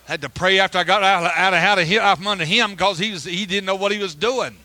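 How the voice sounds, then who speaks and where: A man preaching a folksy testimony sermon, rambling and colloquial, with sudden loud outbursts. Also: high voice, fast talker, no room sound.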